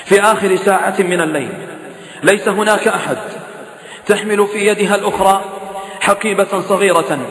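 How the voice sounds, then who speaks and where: A man with a high, ringing voice delivers an impassioned sermon, pleading with his listeners. Long reverb trails after each phrase, as if he is in a large echoey hall. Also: fairly bright tone. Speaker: preacher. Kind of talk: emotional sermon.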